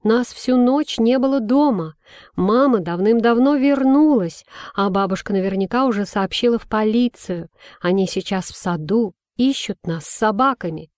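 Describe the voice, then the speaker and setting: A woman's voice: mid-range voice, normal speed, no room sound, voice pushed up, natural voice. A woman reading a storybook aloud and voicing a feisty, bossy young girl who snaps out orders. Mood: commanding. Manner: sharp and commanding.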